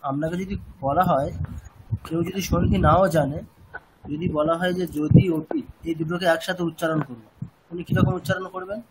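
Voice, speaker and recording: Heavy background noise surrounds this lesson, where a man speaking with a West Bengal Bengali accent teaches students Sanskrit chanting. His voice is on the high side, fairly even in intonation, at an ordinary pace, and he asks rhetorical questions and restates his points.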